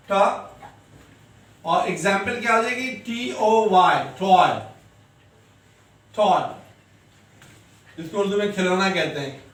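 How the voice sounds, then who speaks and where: Male teacher, unhurried and repetitive, drilling sounds; distant mic, roomy classroom echo. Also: sits high, fairly bright tone. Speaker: English teacher. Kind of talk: classroom lesson. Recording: echoey room, distant mic.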